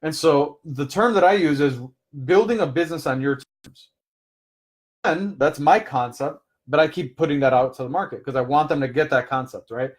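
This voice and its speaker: A man's voice: fairly high pitch, normal speed. A man giving business advice in a live coaching session, talking casually, explaining through personal examples and often checking in with "right?". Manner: conversational, keeps checking in with "right?".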